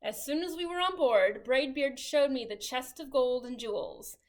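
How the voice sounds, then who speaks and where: A woman leading a children's storytime, reading a picture book aloud in a cheerful, animated way. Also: sits high, moderate pace. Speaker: children's librarian.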